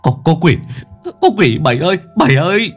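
A man voicing a terrified young man who stammers and shouts in panic in a ghost story. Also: medium pitch, lively intonation, slow, husky, soft background music, full character voice. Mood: panicked.

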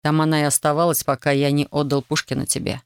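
Young soldier husband, read by a narrator, earnest, remorseful, passionate, mid-pitched, dry sound. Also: flat delivery, fast talker, clear, resonant tone, no room sound, lightly acted.

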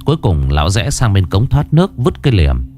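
A man narrating a horror story in a dramatic, lively way. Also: sits low, fairly quick, a little hiss or hum.

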